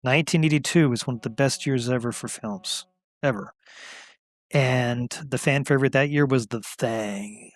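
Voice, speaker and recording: A man's voice: mid-range voice, normal speed, no echo, clean studio sound. A man co-hosting a casual movie chat, easygoing as he runs through years and lists of films. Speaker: co-host.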